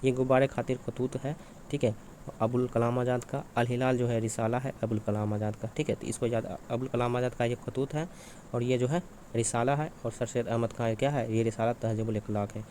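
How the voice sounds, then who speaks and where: A man's voice: medium pitch, fairly even intonation, fairly quick, mellow, slight background noise. Man drilling exam questions aloud. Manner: repetitive, asks and answers his own questions. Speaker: exam-prep teacher.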